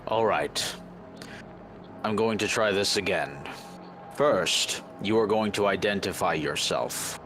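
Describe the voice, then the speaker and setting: A man voicing a terse, commanding stranger with a gravelly voice on the phone. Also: lowish voice, takes it slowly, pauses often, over music. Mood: curt.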